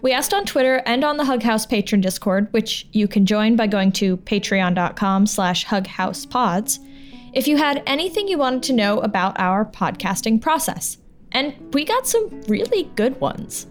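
Over plucked guitar music, a podcast host and audio drama producer chats informally and reassuringly. Her voice is on the high side and sing-song, moving at a normal speed.

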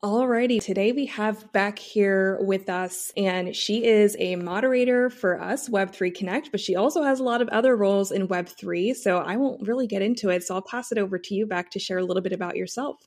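A woman co-hosting a podcast, introducing the episode and asking interview questions in a clear, measured, articulate way. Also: mid-range voice, a little mellow. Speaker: podcast co-host.

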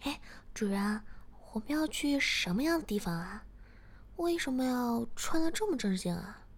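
A woman voicing a coy, playfully submissive young girlfriend in a spoken story, in a pouty, excited manner. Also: on the high side, moderate pace, vocal fry.

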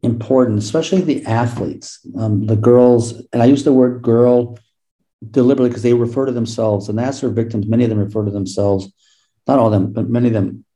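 Man, middle-aged, american, interview guest, anecdotal, self-deprecating, very dark mellow voice, mid pitch. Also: fairly even intonation, fairly quick, low-quality recording. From United States. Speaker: author and law professor, guest. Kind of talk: interview answers, storytelling.

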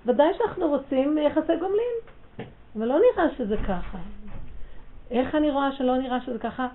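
A woman's voice: sits high, animated, slight background noise. Fervent woman teaching, tinny phone-like sound. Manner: fervent and emphatic, swinging from hushed to loud. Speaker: religious teacher. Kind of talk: religious lesson to women.

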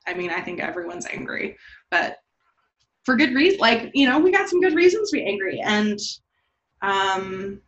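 A woman's voice: medium pitch, very animated, moderate pace. Candid, swearing woman in casual chat. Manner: candid and profane, says "like" often. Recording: slightly dull lo-fi sound.

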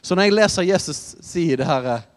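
Preaching man in a reverberant hall. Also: high voice. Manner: conversational, storytelling with asides. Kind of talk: sermon.

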